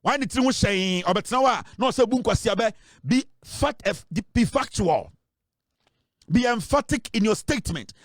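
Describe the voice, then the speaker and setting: A man's voice: high-pitched, lively intonation, moderate pace, no echo, studio quality. A Ghanaian man giving impassioned political commentary, lecturing emphatically and switching between English and Twi.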